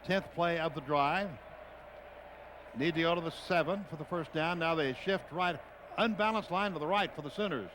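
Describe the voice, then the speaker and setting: Calling a live football game for radio, an American man speaks at a moderate pace in a voice on the high side. His phrases are short and clipped, and the outdoor stadium broadcast carries plenty of noise.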